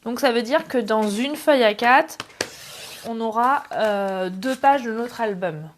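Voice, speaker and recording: A woman's voice: a little high, a little slow, a little hiss or hum. Chatty French woman hosting a craft livestream. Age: middle-aged. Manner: chatty, greets viewers, self-deprecating asides. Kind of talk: casual live craft tutorial. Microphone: camera on tripod.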